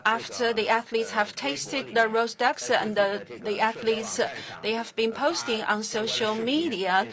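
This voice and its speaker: A woman interprets live at a press conference. She delivers her English in halting, phrase-by-phrase bursts. Other voices are clearly audible behind her. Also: a little high, a crowd in the background. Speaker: simultaneous interpreter.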